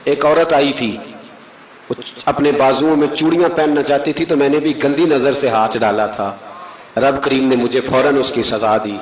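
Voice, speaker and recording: A man's voice: medium pitch, reverberant, low-quality recording. A man preaching a sermon, telling moral stories with emphatic rises and acting out quoted voices.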